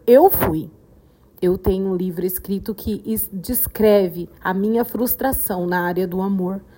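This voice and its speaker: A woman delivers a devotional podcast message, her voice sitting a little high. She preaches slowly and fervently, repeating her phrases for emphasis. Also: darkish tone. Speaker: podcast host, devotional speaker. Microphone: podcast microphone.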